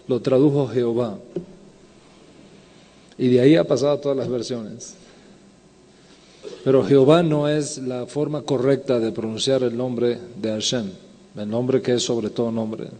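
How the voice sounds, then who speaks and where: A rabbi with a mellow, medium-pitched voice gives a conference lecture in a lecture hall and answers questions, with long hall reverb on the recording. He explains things step by step, often checking in with "ok?".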